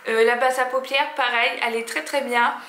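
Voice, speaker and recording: Woman beauty vlogger, casual review, halting delivery full of fillers, fairly high bright voice, echoey room. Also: steady tone. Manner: hesitant, many fillers and restarts.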